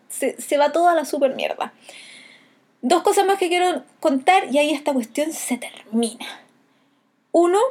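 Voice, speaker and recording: Chilean woman, enthusiastic book vlogger, chatty and rambling, slightly high-pitched. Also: darkish tone. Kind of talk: casual book recommendation.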